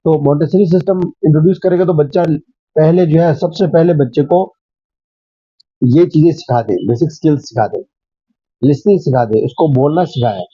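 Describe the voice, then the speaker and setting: A man from Pakistan, a school principal, talks through his answers in a patient, teacherly way, stacking up examples and pausing on fillers. His voice sits fairly high for a man. The sound is dry and a little muffled. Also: warm tone, dry recording. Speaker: school principal, interview guest. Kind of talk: conversational interview answer.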